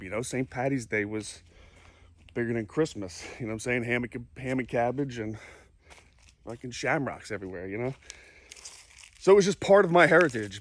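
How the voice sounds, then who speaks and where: A man's voice: medium pitch, fairly bright tone. A man, telling a war story in a casual, profane, rambling way. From Philadelphia, USA. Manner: profane, laid-back, lots of "you know". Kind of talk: casual spoken anecdote.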